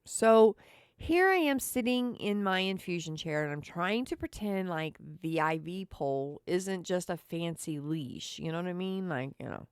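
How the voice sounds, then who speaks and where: A woman talks slowly and sarcastically as a podcast host, chatting straight to her listeners. Her voice sits a little low. The sound is dry and close, with no room echo. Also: lively intonation, clean tone. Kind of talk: casual monologue.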